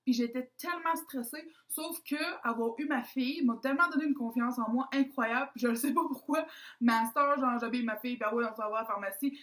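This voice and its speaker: A woman's voice: on the high side, quick pace, fairly bright tone. A young woman with a Québécois French accent, chatting casually to camera as a vlogger, self-mocking and dropping in English words.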